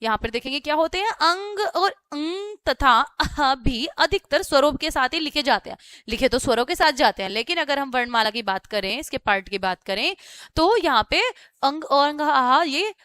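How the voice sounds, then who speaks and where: A woman's voice: sits high, expressive, moderate pace, bright, forceful tone, no room sound. A woman teaching a grammar lesson to children, explaining step by step, asking questions and then answering them herself, often checking in with "okay". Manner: repeats "ठीक है" often as a check-in; sounds out words letter by letter. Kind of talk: classroom-style grammar lesson.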